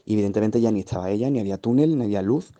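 Dark-voiced man from Seville. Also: fairly low pitch, rapid-fire. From Seville, Spain. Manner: vivid, meandering retelling with asides. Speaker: guest. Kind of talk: personal storytelling.

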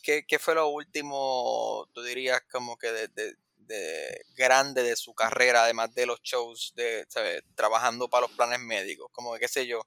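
A man's voice: medium pitch, normal speed, few pauses, pushed and bright, smooth, no echo. A man on a podcast who asks questions in casual chat, hesitant and circling, with many fillers.

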